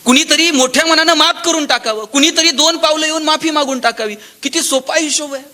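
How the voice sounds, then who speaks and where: A man giving a motivational public lecture, telling stories and voicing the people in them, swinging between loud exclamations and soft asides. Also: very high voice, fairly quick. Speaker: motivational speaker.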